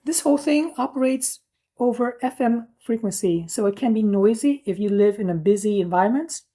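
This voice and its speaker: A woman with a slightly high, distinctly mellow and soft-edged voice casually reviews a product. She's expressive and brisk, explaining things in plain, informal terms.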